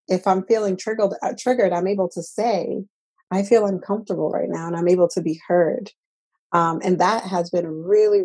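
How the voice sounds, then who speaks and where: Woman, from the Dominican Republic, interview guest, earnest, reflective, mellow, breathy. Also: lowish voice. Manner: reflective, earnest, with many restarts. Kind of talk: personal interview.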